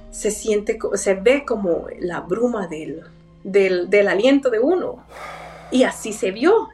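Young woman, earnest halting storyteller, a little off-mic, soft music under. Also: a little high. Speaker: guest telling a personal story. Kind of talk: personal paranormal testimony. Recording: voice a bit far from the mic, faint music behind.

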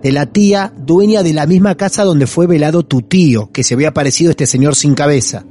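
A man's voice: fairly high pitch, a little fast, mellow, soft background music. A man with an Argentine accent hosting a podcast, asking a guest short clarifying questions in a casual interview. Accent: Argentine Spanish. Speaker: podcast host.

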